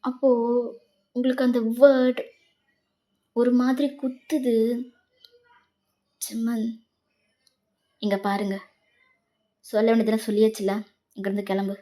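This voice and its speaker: Cold male professor, scolding and clipped, in a soft, warm tone; a woman reads him. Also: on the high side, flat delivery, unhurried, long pauses, natural voice. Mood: dismissive.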